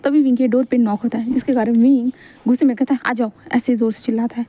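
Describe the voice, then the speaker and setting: A woman's voice: on the high side, steady tone, fast, mellow. A woman telling a fan-fiction story in a casual, conversational way, full of fillers and repeated words, and voicing every character herself. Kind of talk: storytelling narration, voicing all the characters in dialogue.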